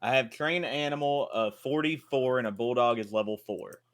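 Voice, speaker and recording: A man's voice: mid-range voice, normal speed. A man playing in a tabletop game, eager and casual, cursing now and then. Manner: eager, restless, swears casually. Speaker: player.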